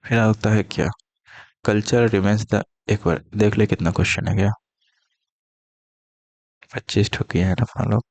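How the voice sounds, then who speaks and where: Male tutor, low flat hush, repeats for memory, dry close sound. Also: a little slow, long pauses, no room sound. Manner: speaking softly to avoid coughing; repeats key terms and mnemonics. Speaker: teacher. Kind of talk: exam-prep lecture.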